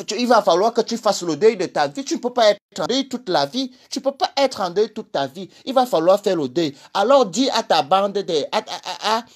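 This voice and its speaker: A man with a Cameroonian French accent ranting on a livestream in a mocking, insulting way, repeating his jabs and delivering them in a honeyed tone. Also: sits high. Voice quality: honeyed, sweet-toned insults. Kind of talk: livestream rant.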